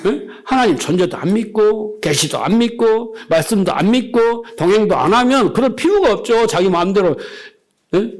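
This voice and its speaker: A man's voice: high-pitched, lively intonation, moderate pace. A middle-aged male pastor preaching a sermon, emphatic, often asking the congregation questions and acting out little dialogues.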